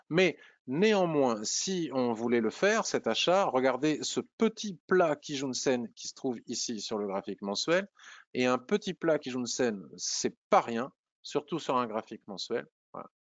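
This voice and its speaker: A man's voice: mid-range voice, no echo, muffled recording. A man walking through stock charts in a screen-share tutorial, thinking aloud with frequent hesitations and restarts. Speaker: trading analysis presenter.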